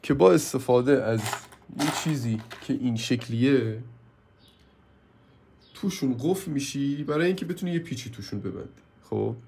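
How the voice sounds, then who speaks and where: Hoarse, gravelly man with a cold. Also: mid-range voice, expressive, background noise. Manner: complaining, keeps asking viewers. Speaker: YouTuber reviewing a purchase. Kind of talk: casual hands-on product review.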